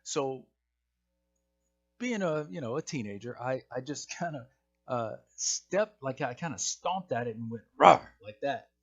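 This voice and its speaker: A man's voice: medium pitch, lively intonation, measured pace, slightly rough. A man recounts a personal encounter in plain, casual storytelling. His delivery is hesitant, full of restarts and doubled words, in an ordinary mid-range voice. The recording sounds a little dull and lo-fi. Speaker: channel host sharing his own encounters.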